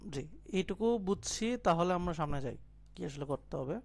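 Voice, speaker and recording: A man's voice: fairly high pitch, lively intonation, normal speed, creaky. A young man teaching an IELTS listening lesson in an online class, explaining step by step, mixing in English terms and checking that his students follow. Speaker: IELTS tutor. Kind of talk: live online class lecture.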